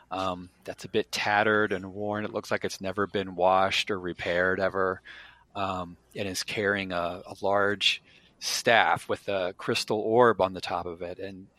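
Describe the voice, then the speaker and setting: A man narrating a tabletop game as a player, halting, with many fillers and restarts. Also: low-pitched, flat delivery, a bit bright, no echo.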